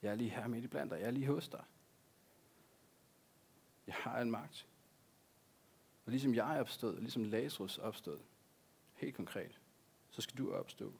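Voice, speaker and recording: Gravelly-voiced man preaching earnestly. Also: mid-range voice, long pauses, darkish tone. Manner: earnest, repeats key words for emphasis. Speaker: pastor. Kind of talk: sermon.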